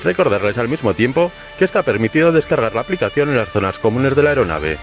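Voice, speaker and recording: A man's voice: mid-range voice, expressive, fast, soft background music, natural voice. A man putting on the voice of an airline captain, formally announcing a flight to the passengers in a voice message. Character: male airline captain making a cabin announcement. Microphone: sent as a phone voice message.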